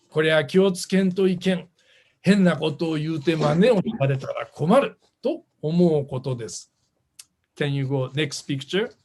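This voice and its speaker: Older minister, gently questioning. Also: male voice, on the high side. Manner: gently asks the congregation questions; sometimes slips into English phrases. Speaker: Buddhist minister. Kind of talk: dharma talk at a temple service.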